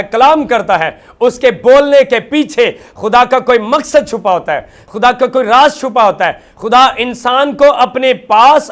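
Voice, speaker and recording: A male pastor delivering a televised sermon with a repetitive, emphatic preaching cadence, mixing English words into his speech. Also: very high-pitched.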